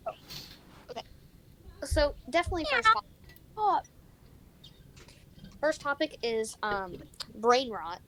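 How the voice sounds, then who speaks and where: A teenage girl co-hosting a casual podcast chat, pausing often with ums. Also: high-pitched, big pitch swings, bright, forceful tone, slight background noise. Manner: hesitant, many ums. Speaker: co-host.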